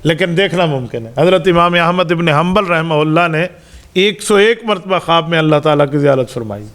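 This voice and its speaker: Male mufti, middle-aged, high voice, emphatic storytelling Quran lesson. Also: a bit bright. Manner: storytelling, acts out quoted dialogue; explanatory, emphatic. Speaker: mufti, Islamic preacher. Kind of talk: Ramadan Quran lesson sermon.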